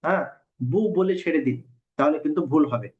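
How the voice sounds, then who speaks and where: A man teaching Quran reading in a recorded lesson, patiently repeating rules and spelling letters out slowly. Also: fairly high pitch. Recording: dull lo-fi recording.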